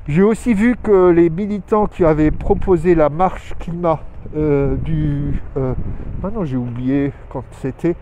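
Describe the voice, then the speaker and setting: This weekly live show host speaks on the high side, unhurried and with a dark tone, while walking town streets. Recorded handheld by phone or camera, the sound is lo-fi with slight background noise, and his informal update wanders, hesitant and packed with fillers.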